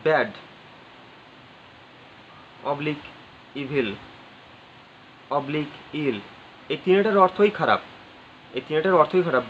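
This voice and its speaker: A man teaching an English grammar lesson, spelling words letter by letter, repeating phrases and asking his viewers questions. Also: on the high side. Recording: slightly dull audio with faint ambient noise.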